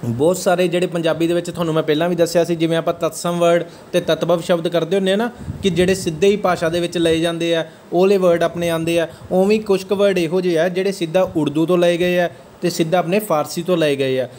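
A man delivers an exam-prep grammar lecture in a slightly high voice. He keeps checking whether his students are following. Faint noise hums under the recording. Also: steady tone, quick pace, darkish tone. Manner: checks understanding with repeated questions. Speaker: teacher.

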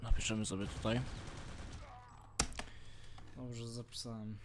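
A man's voice: mid-range voice, flat delivery, unhurried, background noise. A man with a strained, sore-throated voice giving casual, slangy let's play commentary, often muttering and swearing to himself. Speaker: gaming YouTuber, host of a retro game series. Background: game gunfire and ambience.

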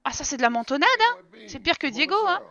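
A woman's voice: high-pitched, very animated, fast talker, bright, forceful tone. A woman giving casual, swear-filled commentary while playing a life-sim game live, talking to her characters. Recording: dull lo-fi stream audio.

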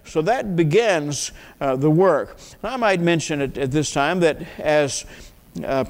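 An older man preaching an earnest sermon at a church pulpit, asking the congregation questions and often repeating words. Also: on the high side. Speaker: pastor. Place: church sanctuary, at a wooden pulpit. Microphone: pulpit mic. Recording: long reverb of a church hall.

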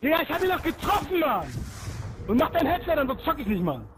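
A man raging and yelling during an online shooter match, swearing and taunting his opponents nonstop. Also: very high-pitched, big pitch swings, quick pace, noisy background. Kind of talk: screaming gaming rant.

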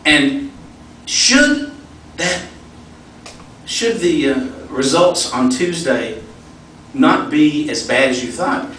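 A man's voice: fairly high pitch, big pitch swings, slow pace, long pauses, a bit bright. A middle-aged man giving a personal, folksy storytelling speech at a fundraising event. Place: large event hall. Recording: echoey hall, distant mic, faint noise.

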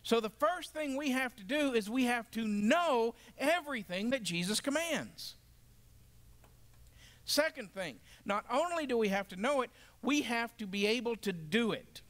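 A man's voice: extremely high pitch, lively intonation, a little slow, fairly bright tone. A man teaching a Bible lesson to a class, emphatic and asking the group questions.

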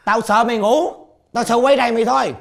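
A man's voice: extremely high pitch, steady tone, quick pace, creaky. An actor playing an awkward, overly polite young man who can't sleep, explaining himself in hesitant, rambling sentences. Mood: sheepish. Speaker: friend who calls at midnight. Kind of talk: scripted comedy sketch acting. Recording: music score under dialogue.

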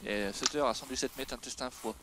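A man in relaxed gameplay conversation, joking and teasing as he comments. His mid-pitched voice sits in clear background noise with clicks. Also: fast. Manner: joking, bantering. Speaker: gaming video player and commentator. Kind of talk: casual gameplay chat with a friend.

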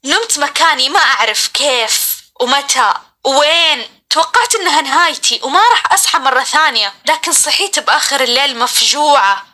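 A woman's voice: high voice, expressive, brisk, sharp tone. A young woman dramatically telling a first-person horror story. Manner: dramatic, breathless retelling.

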